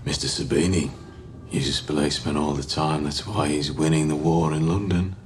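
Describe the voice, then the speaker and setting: An actor with a Birmingham accent playing a composed gang leader who speaks tersely, levelly and with tight control. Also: male voice, very deep voice, little pitch movement, normal speed, slight background noise. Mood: cold. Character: cold, composed Birmingham gang leader, young adult man.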